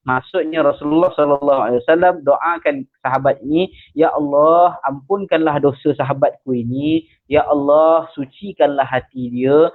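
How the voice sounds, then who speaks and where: Man, Malaysian accent, religious seminar teacher, lively storytelling, rhetorical questions, slightly high voice, phone-like sound. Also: moderate pace. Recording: tinny phone-like audio.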